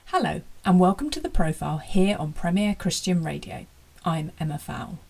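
A woman's voice: fairly low pitch, sing-song, normal speed, darkish tone. A woman hosting a radio interview show, reading a polished scripted introduction. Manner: polished, reads smoothly from a script. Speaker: radio host.

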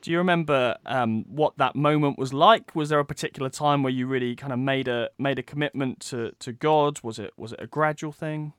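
A man's voice: mid-range voice, fairly quick, hardly any pauses, a bit bright, smooth, dry recording, clean studio sound. A man hosting a radio interview, introducing his guest and asking questions in an upbeat, conversational way. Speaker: radio host and magazine editor.

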